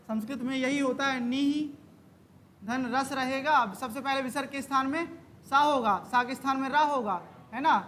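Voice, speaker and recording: A woman's voice: sits high, fairly bright tone, a little hiss or hum. A woman teaching an exam-prep grammar lesson, quizzing the class with questions that she then answers herself.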